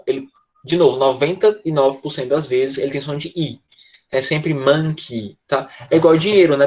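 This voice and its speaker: Brazilian man teaching online, dull audio. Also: fairly high pitch. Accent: Brazilian Portuguese. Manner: patient, repeats tá and né often. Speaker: English teacher. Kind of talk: online class lesson.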